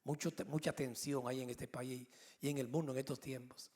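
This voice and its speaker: A middle-aged male pastor preaching a sermon, telling personal stories with humor and lively delivery. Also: medium pitch, normal speed. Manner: animated storytelling with humor.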